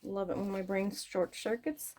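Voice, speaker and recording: Female vlogger, mid-pitched with noticeable fry and a soft-edged tone; loose, digressive talk while working. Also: steady tone, normal speed, slight background noise. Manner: informal, digressive, thinking aloud. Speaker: online vlogger and small seller packing orders. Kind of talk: casual rambling chat while working.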